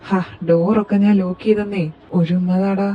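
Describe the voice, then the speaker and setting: A woman's voice: medium pitch, normal speed, muffled recording, faint music behind. Woman performing fan audio drama dialogue. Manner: lively, teasing and quarrelsome. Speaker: voice actor reading all parts.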